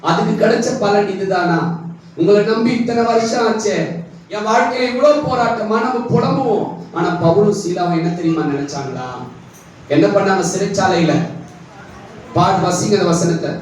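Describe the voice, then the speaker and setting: A male pastor preaching a sermon, asking questions of the congregation, his voice swinging between high and low. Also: moderate pace. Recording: echoey hall, voice from a distance, faint noise.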